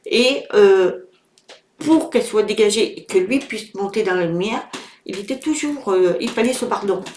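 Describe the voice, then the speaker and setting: A middle-aged woman recounts a deeply personal experience, stopping and restarting often, with fillers between her phrases. Her voice sits in a middle register and carries the strain of the memory. The recording has a noticeable roomy echo. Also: slight background noise. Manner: hesitant, many fillers and restarts; emotional, halting. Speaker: vlogger sharing a personal story. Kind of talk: emotional personal testimony.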